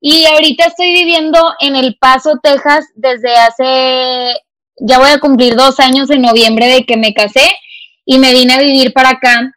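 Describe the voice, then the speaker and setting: Woman in her twenties, northern Mexican Monterrey accent, high voice, dry close sound, effusive casual interview talk. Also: fairly even intonation, moderate pace, a bit bright, no echo, poor audio. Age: 20s. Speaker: podcast guest. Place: remote call recording.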